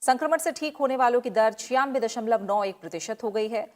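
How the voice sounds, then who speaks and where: Woman, news anchor, formal bulletin reading, steady, measured. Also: fairly high pitch.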